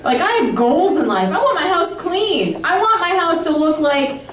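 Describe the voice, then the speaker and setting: With a very high pitch that swings widely, this woman in her thirties speaks at a normal speed in a slightly bright tone. Her brash, sarcastic stand-up is caught on a distant mic in an echoey comedy club while the live crowd laughs.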